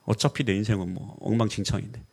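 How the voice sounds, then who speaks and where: A man's voice: fairly low pitch, fast talker, gravelly, husky. A middle-aged man preaching a Sunday sermon as pastor, telling stories and acting out the dialogue in them. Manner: animated storytelling, acts out quoted dialogue.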